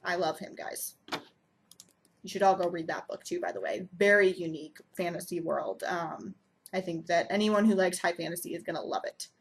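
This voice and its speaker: A woman's voice: fairly low pitch, fairly even intonation, normal speed, gravelly. A young woman vlogging casually about her favorite books, gushing and enthusiastic, with frequent ums and likes. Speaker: book vlogger. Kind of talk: casual book chat to camera.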